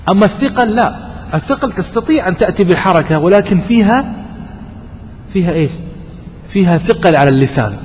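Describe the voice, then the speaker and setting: A man's voice: high voice, animated, quick pace, long pauses. Man teaching in an echoey hall. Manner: quizzes students, repeats and stresses points. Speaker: sheikh teaching grammar. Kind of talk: classroom grammar lesson. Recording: echoey hall with faint noise.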